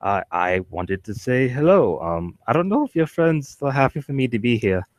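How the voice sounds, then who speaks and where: A man's voice: medium pitch, sing-song, normal speed, dry recording, studio quality, close to an everyday voice. A man role-playing a nervous, polite visitor, stammering and awkward as he speaks. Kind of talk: tabletop role-play in character.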